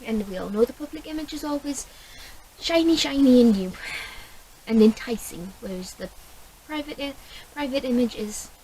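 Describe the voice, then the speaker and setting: A woman's voice: a little high, lively intonation, moderate pace, mellow, breathy edge, rough recording. A woman with a Geordie accent chatting casually to camera about books, rambling and correcting herself as she goes. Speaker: book vlogger.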